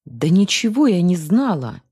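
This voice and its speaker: A woman's voice: sits low, expressive, measured pace, warm tone, breathy edge, heavily acted. A woman voicing a young woman who protests she is not to blame in an audiobook story. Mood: pleading. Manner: pleading, defensive.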